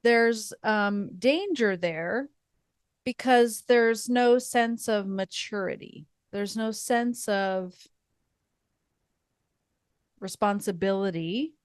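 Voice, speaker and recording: Female co-host, young adult, unhurried musing delivery, dry close-mic sound. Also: mid-range voice, clean tone, no room sound. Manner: thoughtful, meandering, with fillers and soft laughs. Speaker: podcast co-host. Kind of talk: casual faith podcast chat.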